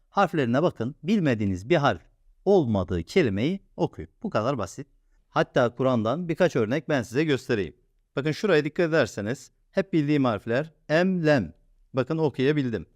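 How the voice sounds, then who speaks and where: A patient male teacher leads a step-by-step reading lesson, sounding out each syllable and repeating it slowly. His voice sits at an ordinary middle pitch. The recording is dry and close, with no room sound. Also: sing-song, a little mellow, dry recording.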